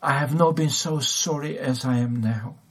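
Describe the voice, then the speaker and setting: A man voicing a maimed, forgiving old male prisoner, speaking earnestly and softly within a sermon. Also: medium pitch, moderate pace, husky. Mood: tender.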